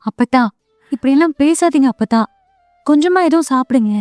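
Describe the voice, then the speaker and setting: A woman's voice: high voice, fairly quick, no room sound, soft background music, natural voice. An actress voicing a caring young daughter-in-law who coaxes her elders, in a dubbed TV serial. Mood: pleading. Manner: soft, coaxing. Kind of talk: TV serial dubbing.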